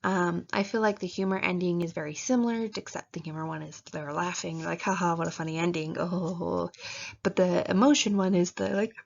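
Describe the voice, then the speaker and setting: On a dull lo-fi recording, a woman with a gravelly, fairly low voice speaks at a moderate pace, offering casual writing advice. She's chatty and full of fillers, acting out how readers react.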